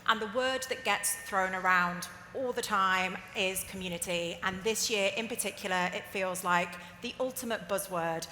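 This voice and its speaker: A woman's voice: medium pitch, normal speed, few pauses, pushed and bright, a little hiss or hum. A woman moderating a live conference panel in a hot, packed room. She talks in a chatty, candid and jokey way. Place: hot crowded conference hall. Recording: roomy hall with faint ambience.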